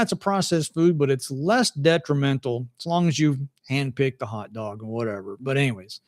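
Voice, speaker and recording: A man's voice: a little high, dry recording, studio quality. An older man hosting a casual livestream chat from home, folksy and chatty, often restarting his sentences. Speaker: host.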